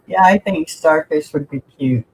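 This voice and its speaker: A man's voice: a little high, rough recording. A man chatting casually in a moving car, musing and thinking aloud, like dashcam audio. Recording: dashcam-like audio, loud road noise.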